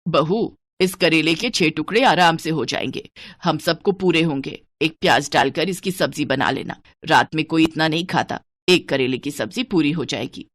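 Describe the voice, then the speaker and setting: A woman's voice: low voice, moderate pace, fairly bright tone, no echo, voice pushed down. A woman voicing a stingy, bossy middle-aged mother-in-law who nags and scolds in a cartoon story. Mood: stern. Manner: scolding, penny-pinching nagging.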